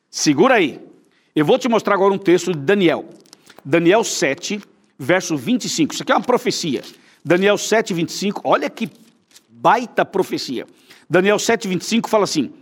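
A man with a Brazilian Portuguese accent preaching a sermon as a pastor, emphatic and putting questions straight to the viewer. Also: high-pitched.

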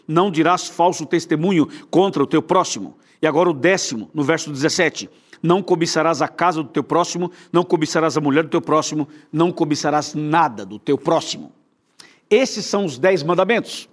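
Man, Brazilian Portuguese accent, high-pitched, pastor, emphatic sermon, direct questions to the listener.

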